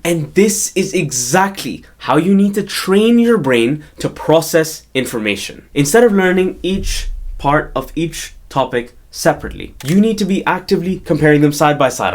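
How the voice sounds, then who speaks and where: A man's voice: on the high side, darkish tone. Earnest young man explaining study methods. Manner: earnest and explanatory, leaning on key points. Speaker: study-skills YouTuber and doctor. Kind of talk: educational video talk to camera.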